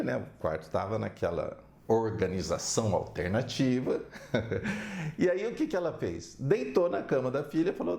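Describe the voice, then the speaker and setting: A man giving an animated storytelling talk as a counselor, often tagging his lines with "né?". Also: mid-range voice, vocal fry. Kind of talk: storytelling talk with religious examples. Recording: roomy echo.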